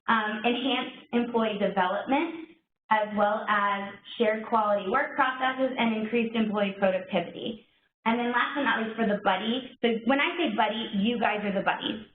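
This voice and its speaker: A woman presenting a workplace program to staff in a meeting room, upbeat and chatty, joking about herself. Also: mid-range voice. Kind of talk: informational session presentation. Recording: echoey room, phone-like lo-fi sound, faint noise.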